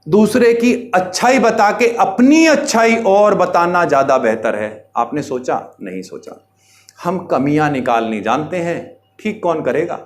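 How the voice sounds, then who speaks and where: A middle-aged man with a fairly high voice delivers a monologue straight to his audience. He lectures and exhorts, firing off rhetorical questions and answering them himself in a preachy tone. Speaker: social media commentator. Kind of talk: direct-to-camera monologue.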